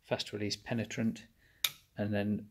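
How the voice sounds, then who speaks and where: A man's voice: lowish voice, level tone, unhurried, noisy background. A man narrating a workshop how-to, explaining each step plainly while he works at a bench. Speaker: engine rebuilder.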